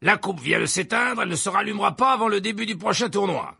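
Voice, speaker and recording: A man voicing a jovial male official in an audiobook, speaking in a bright, placating tone. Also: sits high, animated, fast, vocal fry, husky, pitched above the performer's own voice, exaggerated voice.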